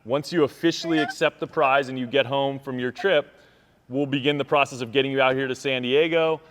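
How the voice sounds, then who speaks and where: A man's voice: medium pitch, steady tone, a little fast, fairly bright tone, a little hiss or hum. A man hosting a live phone call to tell a winner about her prize, talking in an upbeat, enthusiastic way. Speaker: host calling a prize winner.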